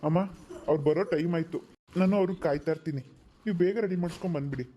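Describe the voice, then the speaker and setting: A man's voice: on the high side, racing, dark tone, slight background noise, natural voice. A man voicing a stern elder brother in a cartoon, lecturing his sister about marriage. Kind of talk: cartoon voice acting.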